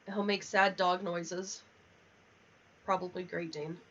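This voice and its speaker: Chatting over a video game on her livestream, this young American woman is rambly, unfiltered and full of swearing. She speaks slowly in a lowish, fairly bright voice with fairly even intonation, through a dull lo-fi mic that picks up obvious background noise.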